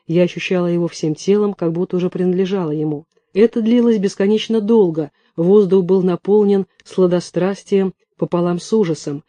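A man reading first-person fiction aloud in a hushed, tense storytelling manner. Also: sits high, no echo, highs cut off. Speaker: audiobook reader.

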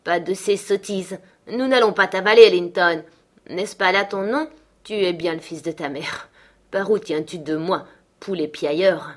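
A woman reading aloud, voicing a sarcastic, scornful middle-aged father who speaks loudly and mockingly. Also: lowish voice, unhurried. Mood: harsh. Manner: mocking, loud and forceful.

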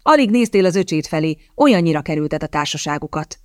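Narrator voicing a teasing army captain, high and bright. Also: male voice, expressive, smooth, dry recording, studio quality, lightly acted. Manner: mocking, playful, grinning banter. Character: jovial teasing male army captain, lounging friend.

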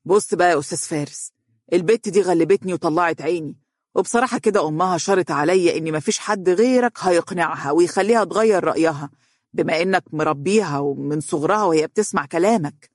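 Narrator doing a ranting egyptian dad, high-strung and loud, fast, dry audiobook sound. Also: big pitch swings, no room sound. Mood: exasperated. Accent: Egyptian Arabic. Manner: loud, exasperated, rapid ranting. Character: angry pushy middle-aged working-class father.

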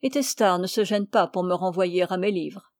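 A woman reading as a shy young gentleman. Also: on the low side, normal speed, no echo, studio quality, lightly acted. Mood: reserved. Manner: curt, reserved replies.

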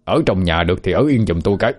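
A man voicing a gruff, irritable older village husband who scolds curtly. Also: sits low, lively intonation, racing, darkish tone. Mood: angry. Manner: curt, scolding.

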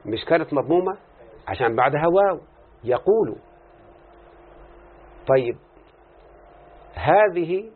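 Through lo-fi, phone-like audio, a medium-pitched man with a breathy edge teaches an Arabic morphology lesson in his Egyptian accent. He goes over a text and constantly checks his students with quick questions.

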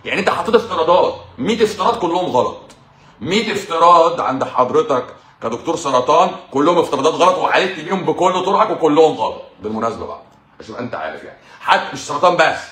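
A man's voice: fairly high pitch, sharp tone, echoey room. A man with an Egyptian Arabic accent, a doctor hosting a live stream in a casual monologue, mocking and combative, repeating his points for emphasis.

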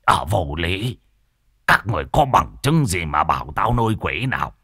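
A man's voice: low voice, very animated, moderate pace, sharp tone, slightly rough, no room sound, studio quality, full character voice. Man doing a stammering, wailing old villager. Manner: stammering, whimpering.

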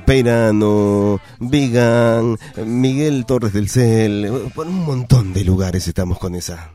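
A man's voice: fairly low pitch, mellow. A man with an Argentine Rioplatense accent hosting a radio show, chatting casually and joking with his producer. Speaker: radio host. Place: radio studio.

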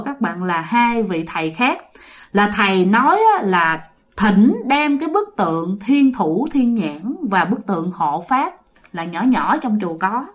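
A woman telling ghost stories, chatty, with many fillers and often addressing the listeners. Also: mid-range voice. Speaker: storyteller. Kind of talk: ghost story narration.

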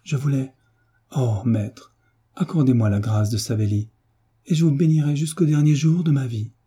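A man voicing a tearful young peasant girl who begs for mercy, in a dark, husky tone. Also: medium pitch, normal speed, pitched above the performer's own voice, lightly acted. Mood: tearful pleading. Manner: begging, sobbing pleas.

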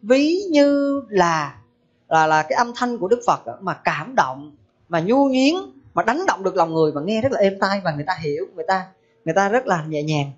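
A woman's voice: medium pitch, lively intonation, fairly quick. Woman giving a sermon. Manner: conversational, asks the audience questions. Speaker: Buddhist teacher. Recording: dull lo-fi recording.

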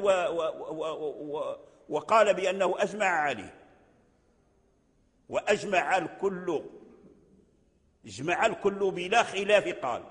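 A man gives a Quran recitation lesson in a somewhat high voice. He draws out verses and lines of poetry slowly and repeats phrases as he explains. A long hall reverb trails behind every word. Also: fairly bright tone. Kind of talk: religious lecture.

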